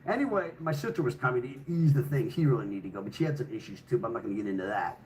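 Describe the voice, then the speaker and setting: A man's voice: medium pitch, racing, rough recording. An older man telling a personal story in a casual, rambling way, swearing heavily and restarting sentences.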